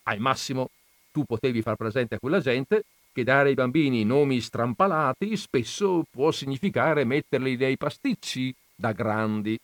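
A man's voice: medium pitch, normal speed, dry recording, pitched above the performer's own voice, lightly acted. A man voicing Christ speaking from the crucifix, stern yet patient, admonishing in a raised, emphatic voice in a dramatized audiobook reading. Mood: scolding.

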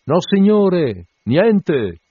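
Brash sailor bellowing jokes, as a male reader puts him on, pitched high and bouncy, dull lo-fi sound. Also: lively intonation, normal speed, dry recording, natural voice. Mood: shouting. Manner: loud, teasing, shouted banter. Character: brash jovial sailor mate, loud and mocking. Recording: dull lo-fi dry recording.

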